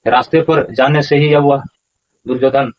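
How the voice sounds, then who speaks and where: A man's voice: mid-range voice, steady tone, normal speed, dull audio. A man explaining scripture verses as a teacher, patiently repeating pronunciations syllable by syllable. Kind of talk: explanatory lesson.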